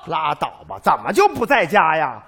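A brash, argumentative caregiver. His voice rides high and swings widely, and he punctuates everything with loud exclamations. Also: huge pitch swings, moderate pace, creaky, slightly rough, full character voice. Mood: indignant. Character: blustering male caregiver, brash and proud. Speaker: hired caregiver in a stage sketch. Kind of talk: comic sketch acting.

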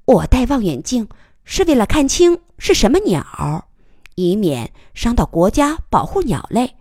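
A woman voicing a feisty, sharp-tongued young woman journalist who fires back in rapid retorts. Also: fairly low pitch, very animated, no echo, studio quality. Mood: furious.

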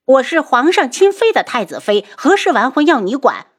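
A spoiled young noblewoman shrieks her indignation, as a woman narrator puts her on. The voice rides high and loud with wide, jumping swings in pitch. It is an audiobook of a costume drama tale. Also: big pitch swings, normal speed. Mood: furious. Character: spoiled shrill young noblewoman, arrogant, hot-tempered.

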